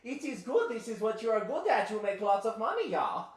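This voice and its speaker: Bossy woman crook with a clumsy fake Boston accent, played by a woman, high and loud, echoey and far off. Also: very animated, fairly quick. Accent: bad put-on Boston accent. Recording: roomy echo, mic far off.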